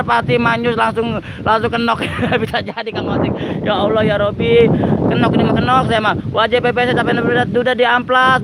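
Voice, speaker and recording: High-pitched guy w doing a live stream by the rice fields, reads out comments, keeps giggling. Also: noisy background. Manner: giggly, breaks into laughter while reading comments. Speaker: livestream host. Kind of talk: casual livestream, reading viewer comments aloud. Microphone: phone on a tripod.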